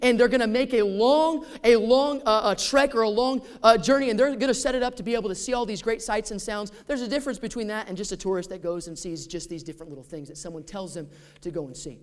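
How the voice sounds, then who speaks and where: Male pastor, high-pitched, conversational sermon delivery with rhetorical questions. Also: quick pace.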